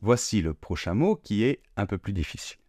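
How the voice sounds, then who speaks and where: A man teaching French pronunciation slowly and deliberately, drawing out sounds and repeating each word. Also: lowish voice, very animated, warm tone, no room sound, clean studio sound. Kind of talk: slow, careful pronunciation lesson.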